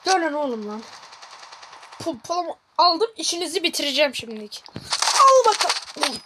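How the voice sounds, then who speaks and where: A woman gaming streamer giving live gameplay commentary, excitable and yelping repeated words in tense moments. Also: sits high, normal speed, noisy background. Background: loud game music and gunfire.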